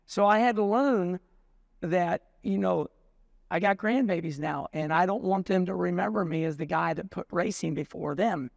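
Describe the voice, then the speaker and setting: A man's voice: high-pitched, normal speed, creaky, no room sound, studio quality. A man in his sixties, a racing show host, telling stories in casual conversation and acting out the voices of people he quotes. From United States. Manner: animated storyteller, acts out quotes.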